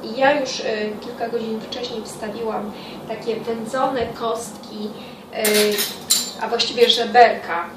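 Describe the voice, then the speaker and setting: Speaking a little high in a steady tone, a middle-aged home cooking show host informally explains a recipe to the camera, halting and pausing partway through her sentences. Her small kitchen is indoors by a window. With the camera set on the counter a step away, the mic sounds distant amid room echo and loud kitchen noise.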